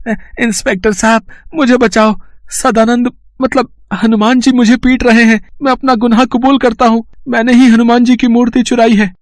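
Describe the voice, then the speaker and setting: A man voicing a greedy, cowardly village man who pleads in a high, frantic voice. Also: level tone, normal speed, few pauses, no room sound, clean studio sound. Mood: panicked.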